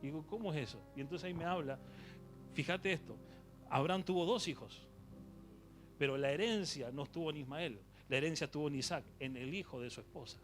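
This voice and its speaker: A man's voice: fairly high pitch, a little fast, faint music behind. A male preacher with a Rioplatense accent giving a conversational sermon, often quizzing the congregation with questions. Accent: Rioplatense Spanish.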